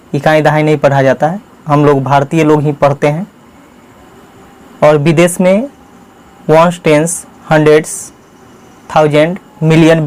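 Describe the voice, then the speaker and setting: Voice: mid-range voice, darkish tone. A teacher hosting a channel, giving a step-by-step maths lesson for children, patiently repeating and counting out each term one at a time.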